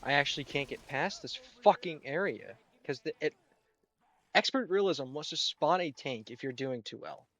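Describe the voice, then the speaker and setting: A man's voice: on the high side, lively intonation, normal speed, a bit bright. A young man from the United States in his late teens, chatting sarcastically and rambling while he streams a game. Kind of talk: casual live-stream chat while gaming.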